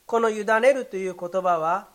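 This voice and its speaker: A pastor delivering a sermon in a measured, formal way, with occasional short fillers. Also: medium pitch.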